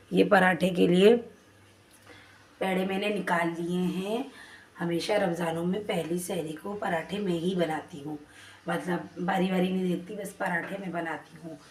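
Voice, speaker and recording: A woman's voice: lowish voice, steady tone, unhurried, darkish tone, recorded from a distance, a little hiss or hum. Chatty woman vlogging from an echoey kitchen. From Pakistan. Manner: chatty, pious, talks to viewers while cooking. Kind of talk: casual home vlog narration. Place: home kitchen at night.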